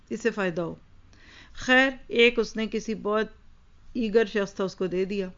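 A woman giving an Islamic lecture, telling a story and asking her listeners rhetorical questions, with English words mixed in. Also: mid-range voice. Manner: mixes English words into Urdu. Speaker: religious teacher. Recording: dull lo-fi recording.

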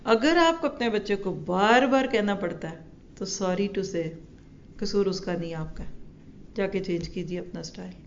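A woman religious teacher giving an earnest, lively parenting lecture, going from emphatic to soft. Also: mid-range voice, muffled recording, a little hiss or hum.

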